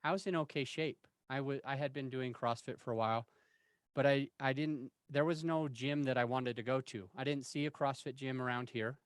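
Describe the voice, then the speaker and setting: A man's voice: medium pitch, fairly even intonation, normal speed, clean tone, no echo. A man of forty-one telling candid, self-deprecating stories in a casual interview, rambling and restarting his sentences. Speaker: interview guest.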